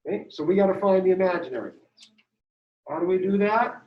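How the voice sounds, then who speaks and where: A man's voice: high-pitched, lively intonation, a little fast. A male math teacher giving a classroom lecture, upbeat and walking students through each step. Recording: dull echoey room sound from far off.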